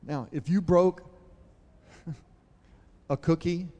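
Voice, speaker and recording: A man's voice: a little high, drawn-out words, dark tone, lo-fi sound. A male pastor giving a conversational sermon, retelling a Bible story and asking the congregation questions. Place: church hall. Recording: long hall reverb.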